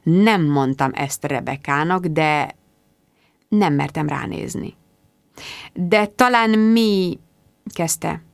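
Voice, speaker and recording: A woman doing a reserved man, quiet, hesitant, slightly lower voice, audiobook, dry recording. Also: vocal fry, long pauses, no room sound. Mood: subdued. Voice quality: quiet, subdued.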